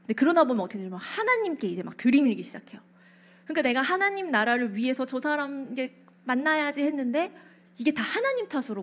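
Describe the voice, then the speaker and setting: A pastor's wife giving a testimony in a church worship service, telling her story in a lively way and acting out the voices in her head. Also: sits high.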